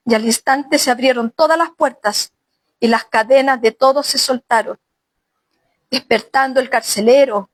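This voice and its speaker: A woman's voice: fairly high pitch, no echo, rough recording. A woman pastor preaching a sermon earnestly, speaking directly to the sisters of her congregation. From Chile.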